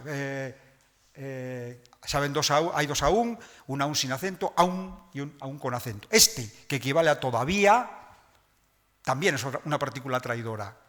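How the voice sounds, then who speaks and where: A man with a fairly high, fairly bright voice gives a public lecture, addressing his audience directly and explaining points didactically. The lecture hall adds a long reverb.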